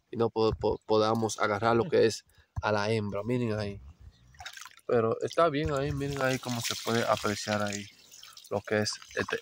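A middle-aged man narrating live as a vlog host, talking to viewers outdoors by a forest stream with halting, repetitive commentary. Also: medium pitch. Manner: talks to viewers, repeats phrases, halting restarts. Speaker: vlog host narrating a crab-fishing outing.

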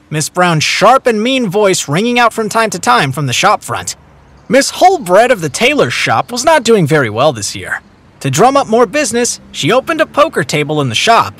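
A man narrating a story in an animated, storytelling way. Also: high voice, no room sound. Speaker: audiobook narrator. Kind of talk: scripted narration. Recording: dry close recording, faint music.

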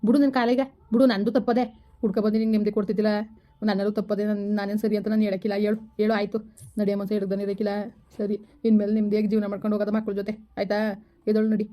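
A woman's voice: mid-range voice, little pitch movement, rapid-fire, dark tone, natural voice. A woman playing a forgiving village husband who coaxes and reassures his wife, speaking. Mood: consoling. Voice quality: coaxing, reassuring. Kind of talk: village family drama acting.

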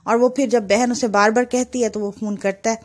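A woman's voice: fairly high pitch, steady tone, darkish tone. Chatty woman recapping a drama episode. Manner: chatty, retells scenes with many fillers. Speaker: drama reviewer.

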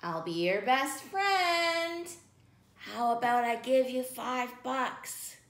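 A woman voicing a pleading, sulky, excitable cartoon pigeon in a children's picture-book read-aloud, wheedling and dramatic. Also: high-pitched, takes it slowly, heavily acted. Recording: roomy echo.

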